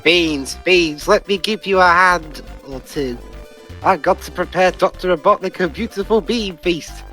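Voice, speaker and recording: A theatrical robot henchman from a video game, played by a man, doting and eager to serve. The voice is high and piercing, stretching out its words. Music runs behind it. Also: unhurried, bright, forceful tone. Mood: eager, coaxing. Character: doting robot henchman gathering beans for its master.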